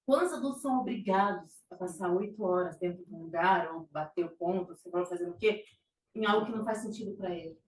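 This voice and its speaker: A middle-aged Brazilian woman with a Brazilian Portuguese accent gives an informal psychology talk, a conversational lecture full of fillers and restarts. Her voice is lowish and fast. The recording is from a distant mic in an echoey room with faint noise.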